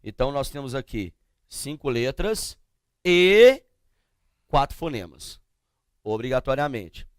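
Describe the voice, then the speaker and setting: A middle-aged Brazilian man teaching grammar to a class, slow and emphatic, asking questions and answering them himself as he spells out letters and sounds. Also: medium pitch, very animated, smooth, no echo, clean studio sound. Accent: Brazilian Portuguese.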